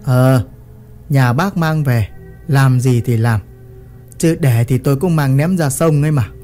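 A man's voice: mid-range voice, a little slow, dark tone, faint music behind, close to an everyday voice. A man voicing a coarse, hot-tempered old village husband who talks bluntly and threatens. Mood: offhand.

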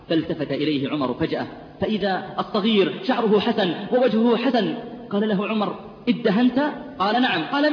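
A man preaching a sermon, telling stories with fervent, tearful-sounding intensity. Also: fairly high pitch. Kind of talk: impassioned sermon storytelling. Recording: echoey hall, dull lo-fi sound, faint hiss.

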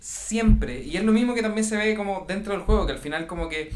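A man with a Chilean accent, speaking calmly and reflectively in a casual podcast chat. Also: high voice, fairly quick. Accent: Chilean Spanish. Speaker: podcast co-host. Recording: echoey room.

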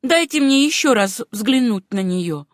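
Picture a lady of the house in a dry audiobook reading, her voice pushed well above the reader's own and full of sharp exclamations. She is agitated and quick to give orders, as the reader puts her on. There is no room sound around her. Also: fairly high pitch, animated, no room sound, pitched above the performer's own voice. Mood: stern. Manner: exclaiming, then commanding.

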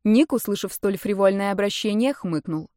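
A woman narrating a novel in a steady, even reading voice, close to the mic. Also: medium pitch, normal speed, dry recording. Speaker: audiobook narrator. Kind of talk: scripted narration.

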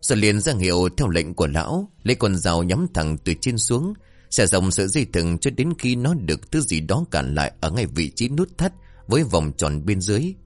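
A man narrating a scripted horror-comedy story in a lively, dramatic way. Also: deep voice, normal speed, no room sound, soft background music.

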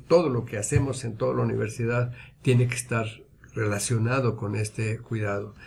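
A man's voice: mid-range voice, creaky, darkish tone, slight background noise. A man speaking as a university guest on a radio program, earnest and emphatic, building his points through repetition. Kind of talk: reflective radio interview talk.

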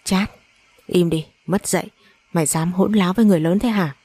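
A woman's voice: lowish voice, brisk, warm tone, no room sound, lightly acted. A woman voicing a harsh middle-aged mother who scolds her daughter, in a storybook reading. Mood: scolding.

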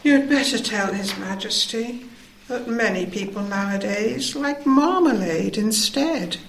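A man's voice: a little high, animated, a little slow, pitched above the performer's own voice. Sleepy storybook cow, drowsy and kind, roomy echo, man voicing it. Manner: drowsy soft delivery.

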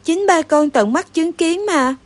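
A woman's voice: extremely high pitch, measured pace, pitched above the performer's own voice. Woman doing a frantic stammering boy mouse. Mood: insistent. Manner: stammering, breathless.

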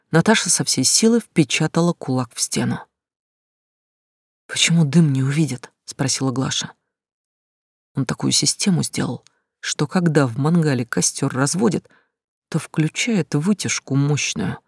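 Dry, measured audiobook narrator. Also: mid-range voice, vocal fry, a little mellow, breathy edge, no echo.

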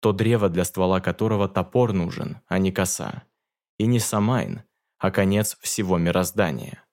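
A man narrating a fantasy audiobook in a measured, dramatic reading. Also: deep voice, expressive, a little mellow.

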